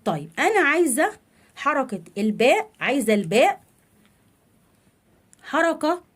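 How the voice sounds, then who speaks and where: A woman with an Egyptian Arabic accent leads a children's reading lesson. Her voice sits a little high, and she asks questions and answers them herself, drawing out syllables slowly. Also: big pitch swings. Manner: explains in a question-and-answer way, stretching out sounds and syllables. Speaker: teacher.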